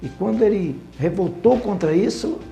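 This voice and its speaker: A man with a Brazilian Portuguese accent giving a Bible study lesson, talking in an unhurried, hesitant way with fillers and restarts. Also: high voice, lively intonation, gravelly, mellow, faint music behind. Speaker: Bible teacher.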